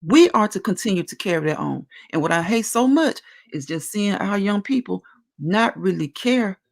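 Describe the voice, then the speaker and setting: A woman's voice: medium pitch, animated, moderate pace, vocal fry. A woman in her forties talking at length in a casual discussion, earnest and emphatic as she explains her views. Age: 40s.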